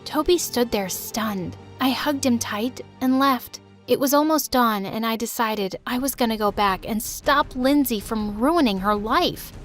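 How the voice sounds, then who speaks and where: High-voiced young woman narrating a story. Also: measured pace, hardly any pauses, soft background music. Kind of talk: scripted narration of an animated story.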